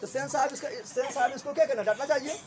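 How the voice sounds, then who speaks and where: A man, teaching a story chapter to a class, often asking a quick question and answering it himself. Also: very high voice, a crowd in the background.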